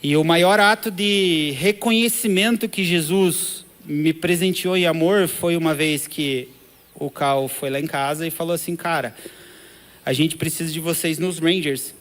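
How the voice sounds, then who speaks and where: A man's voice: a little high, a little slow, a bit bright. A middle-aged man telling his personal conversion story in a casual interview, earnestly acting out the dialogue he quotes. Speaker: church member giving testimony.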